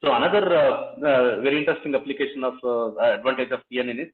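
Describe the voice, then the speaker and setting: A man with a South Indian accent explains technical material like a lecturer. His delivery is halting, with hesitant pauses and small check-in tags, at a medium pitch. The recording sounds narrow and lo-fi. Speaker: lecturer, research scientist. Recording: slightly dull, lo-fi lecture audio.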